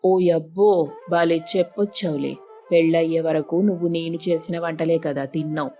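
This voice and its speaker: A woman's voice: sits low, fairly even intonation, moderate pace, warm tone, faint music behind, pitched below the performer's own voice. A woman voicing an elderly village mother who scolds and fusses over her daughters in a storybook tale. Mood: scolding.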